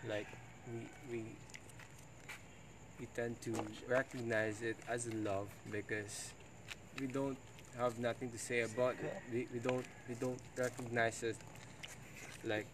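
Man, slow halting drunk rambling, repeated words, casual chat, clear background noise. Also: medium pitch, flat delivery.

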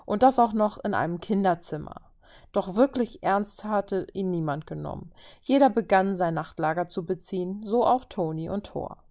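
A woman's voice: mid-range voice, animated, normal speed, a little mellow. A woman reading a story aloud as narrator, lifting her voice for each figure's lines. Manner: reads all figures in turn, lifting her voice for dialogue. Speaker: reader.

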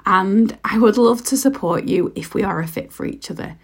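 A woman podcast host and coach with a hoarse, croaky voice, giving an emphatic motivational talk straight to the listener, repeating phrases for weight. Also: medium pitch, normal speed. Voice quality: husky, croaky. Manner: emphatic, repetitive, direct address to listener. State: hoarse, sore voice.

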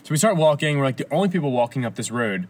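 A man telling a long story in casual chat, animated and full of swearing and laughter. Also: medium pitch, racing.

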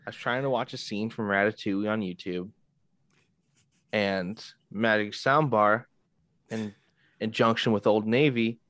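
A man with a fairly low voice co-hosts a casual podcast. He tells absurd stories in a laid-back, deadpan way. The sound is dry and close, with no room echo. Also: measured pace, pauses often. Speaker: podcast co-host.

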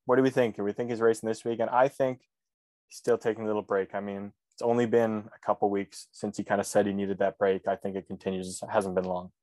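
A man's voice: fairly low pitch, level tone, fast talker, a little mellow, dry recording. A man co-hosting a podcast in casual chat, joking sarcastically and swearing casually. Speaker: podcast co-host.

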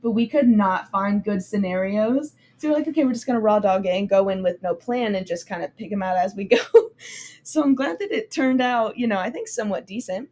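A woman's voice: mid-range voice, a little fast, a little mellow. Chatty young woman podcast host. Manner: chatty, laughs often, upbeat. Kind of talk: casual chat.

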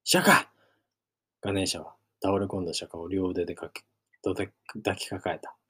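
A man reading a novel aloud as narrator, in measured storytelling. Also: low-pitched, little pitch movement, a little mellow, husky. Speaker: reader.

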